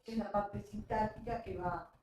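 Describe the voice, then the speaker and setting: A woman's voice: medium pitch, steady tone, normal speed, crowd noise. A woman in the audience at a seminar, thinking aloud and searching for words as she comments. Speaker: seminar attendee. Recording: distant, echoey audience mic with faint room noise.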